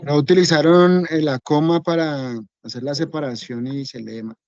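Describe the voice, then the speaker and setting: A man in a workshop audience gives a short answer in a somewhat high voice. He sounds off-mic, and the recording is dry, dull and lo-fi. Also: steady tone, moderate pace, darkish tone, dry recording. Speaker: workshop participant.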